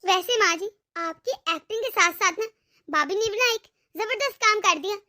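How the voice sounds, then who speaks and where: A woman voicing a cunning young daughter-in-law in a Hindi cartoon, talking in a sharp, taunting and threatening way. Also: extremely high pitch, moderate pace. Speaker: voice actor.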